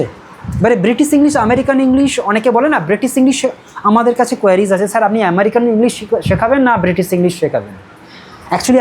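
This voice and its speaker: A woman's voice: medium pitch, a little mellow, slight background noise, low-quality recording. Bengali woman teaching a classroom lesson. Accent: Medinipur Bengali. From Medinipur, West Bengal. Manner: explains step by step, keeps checking in with students. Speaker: spoken English teacher.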